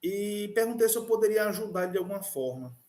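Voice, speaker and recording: High-pitched and a little mellow, this man's voice moves quickly with lively intonation. He's giving an online class lecture that includes a personal story, speaking casually with lots of fillers and frequent restarts.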